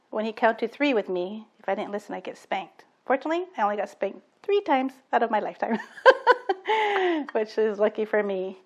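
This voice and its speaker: A woman giving a personal testimony about her late father, in an earnest, halting storytelling manner. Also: medium pitch, a little mellow. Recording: dull lo-fi sound.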